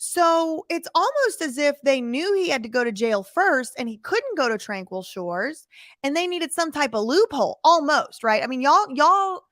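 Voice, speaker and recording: A woman's voice: high-pitched, sing-song, normal speed, fairly bright tone, no echo, clean studio sound. A woman hosting casual commentary on footage, emphatic and fond of rhetorical questions to her viewers. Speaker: commentary host.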